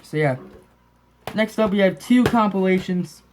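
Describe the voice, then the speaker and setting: A man's voice: sits high, measured pace, darkish tone, a little hiss or hum. Man with a lisp from braces. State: slightly sick, sniffly. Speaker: host of a wrestling DVD collection update. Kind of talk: casual, rambling show-and-tell chat.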